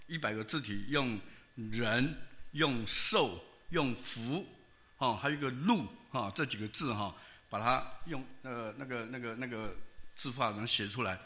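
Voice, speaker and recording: A man's voice: mid-range voice, measured pace, bright, forceful tone. An older man with a Taiwanese Mandarin accent preaching a sermon, telling stories in a folksy way with many fillers and tag particles. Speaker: pastor.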